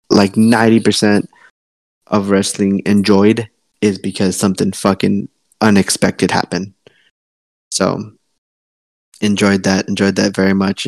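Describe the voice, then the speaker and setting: Male podcast co-host, gravelly and dry, casual, excitable and profane. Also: deep voice, no room sound. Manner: excited, swearing, rambling with restarts. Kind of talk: casual wrestling podcast chat.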